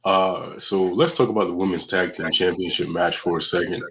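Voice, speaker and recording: A man's voice: deep voice, fairly even intonation, moderate pace, fairly bright tone. A man hosting a podcast in a casual, chatty style. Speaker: podcast host.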